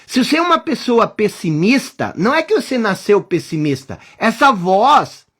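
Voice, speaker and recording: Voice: medium pitch, very animated, moderate pace, breathy edge. A teacher with a Brazilian accent gives a reflective lesson, addressing the listener directly and repeating rhetorical questions. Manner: speaks directly to the listener, sometimes dropping to a hush. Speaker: course teacher.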